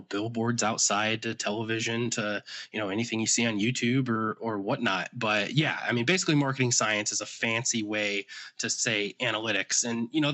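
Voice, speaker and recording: A man's voice: lowish voice, bright, forceful tone. A man of thirty, a podcast guest, explaining his work in plain terms and checking in with "right?". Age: 30s. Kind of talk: casual explanatory interview answers.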